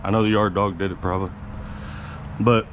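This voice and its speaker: A man's voice: sits low, little pitch movement, fairly quick, highs cut off. A man talking casually to his viewers as a vlogger, rambling in a laid-back, slangy way with some swearing. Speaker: YouTube vlogger. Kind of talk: casual rambling talk to camera. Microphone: action camera clipped to his hat. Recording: clear outdoor and vehicle background noise.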